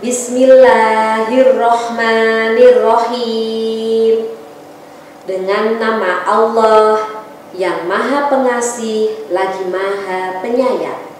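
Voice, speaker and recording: A middle-aged woman with an Indonesian accent, a teacher leading children's prayers, reciting deliberately phrase by phrase. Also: a little high, steady tone. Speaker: kindergarten teacher. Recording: very echoey room, distant mic, faint noise.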